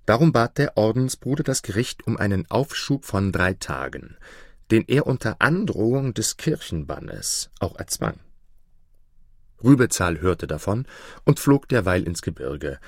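A man narrating a fairy tale in a measured storytelling manner. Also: low voice, darkish tone, dry recording, studio quality.

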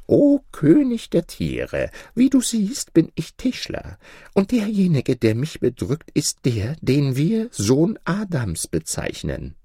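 A crafty old carpenter, as a storyteller puts him on, with a lowered, slightly husky voice. He speaks slowly, humble on the surface and sly underneath. Close, dry recording. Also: wildly swooping pitch, warm tone, dry recording, heavily acted. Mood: pleading. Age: older. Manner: pleading and sly.

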